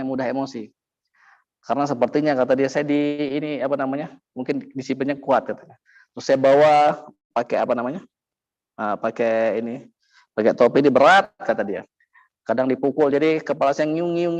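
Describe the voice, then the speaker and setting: A man's voice: mid-range voice, dull audio. A man preaching and telling stories, acting out the voices he quotes and questioning his listeners. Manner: lively storyteller, acts out quoted voices, asks audience. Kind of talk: sermon with storytelling.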